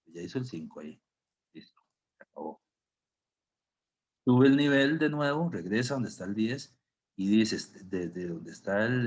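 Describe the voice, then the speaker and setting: Brief: male lecturer, lowish voice, scratchy throat, patient step-by-step explainer over a video call. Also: a little mellow, breathy edge. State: sore throat, clearing it often. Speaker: university professor. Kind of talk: online class lecture.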